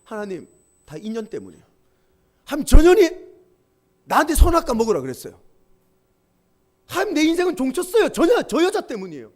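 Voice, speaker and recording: A man's voice: sits high, huge pitch swings, a little slow, darkish tone, full character voice. A preacher acting out the first man, theatrical. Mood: accusing. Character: biblical first man, young husband, blaming and dramatic. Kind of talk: sermon.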